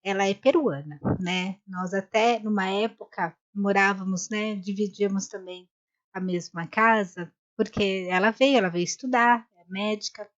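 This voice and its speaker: Speaking at a moderate pace in a mid-range voice, this woman co-hosts a live talk and wanders through a story with frequent restarts. It's a casual chat, and the high frequencies are missing.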